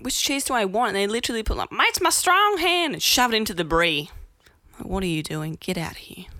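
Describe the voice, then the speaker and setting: A woman's voice: lowish voice, fairly bright tone, no echo. A young woman hosting a podcast, telling blunt, self-mocking stories in a casual comedic monologue. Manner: chatty, blunt, self-mocking, swears and laughs often. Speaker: podcast host.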